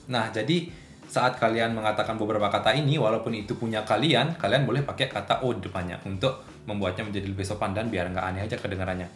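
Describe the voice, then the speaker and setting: A man giving a casual language lesson who explains plainly and acts out short example dialogues. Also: lowish voice. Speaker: Japanese language teacher. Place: indoor room at home. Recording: roomy home room with faint music.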